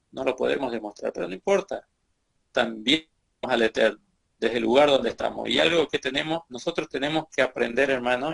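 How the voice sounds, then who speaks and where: Gravelly man preaching earnestly. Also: mid-range voice, fairly bright tone. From Bolivia. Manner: earnest, repetitive exhortation with rising emphatic bursts. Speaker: congregation teacher. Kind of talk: sermon.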